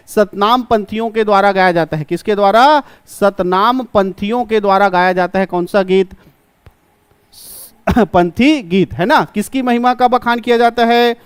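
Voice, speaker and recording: High-voiced male coaching teacher, drilling. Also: clean tone, dry recording. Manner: asks questions and answers them himself, repeating key terms slowly. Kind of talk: exam-prep lecture.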